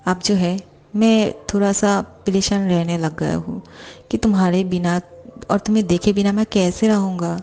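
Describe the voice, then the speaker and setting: A woman's voice: medium pitch, fairly even intonation, moderate pace, mellow, lightly acted. A woman voicing a young male boss who is bossy and openly lovesick, talking in a clingy, teasing way.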